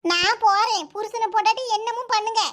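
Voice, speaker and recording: A woman voicing a sharp-tongued, proud old mother-in-law in a comic cartoon, nagging and sarcastic, with a Kanyakumari Tamil accent. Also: very high-pitched, a little fast. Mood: scolding.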